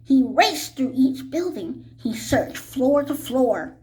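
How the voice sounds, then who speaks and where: Slow, high-voiced, animated woman storyteller. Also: slight background noise, poor audio. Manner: animated, dramatic, deliberate. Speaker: children's audiobook reader. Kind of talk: expressive read-aloud storytelling.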